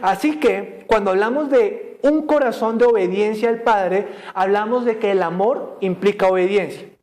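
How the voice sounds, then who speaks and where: Speaking at a normal speed in a high, somewhat mellow voice, a Colombian pastor gives a sermon to a congregation. The service is streamed online, and he frequently asks the people questions, jokes, and laughs.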